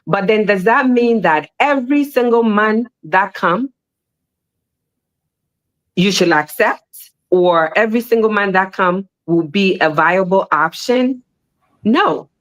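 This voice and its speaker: This animated, repetitive woman is chatting casually on a panel, her pitch shooting up as she drives home each point. Her pace is slow, and the recording is rough.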